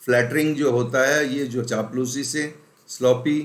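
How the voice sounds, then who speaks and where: A male teacher from India leads an exam-prep vocabulary lesson at a mid-range pitch. He speaks with emphasis and repeats words over and over to drill them. His voice carries a roomy echo. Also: steady tone, a little slow. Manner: mixes in English phrases.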